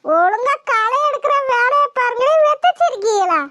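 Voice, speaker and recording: A woman's voice: extremely high pitch, lively intonation, normal speed, dull audio, heavy background noise. A woman voicing a bossy, teasing old village grandmother in a cartoon, scolding and fond by turns. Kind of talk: cartoon voice acting.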